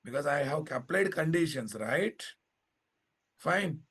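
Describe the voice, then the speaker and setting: A man's voice: on the high side, animated, slow pace, fairly bright tone, slightly rough. A man with a Telugu Indian accent teaching a live technical class as an instructor, bluntly, repeating phrases and asking rhetorical questions. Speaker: programming instructor.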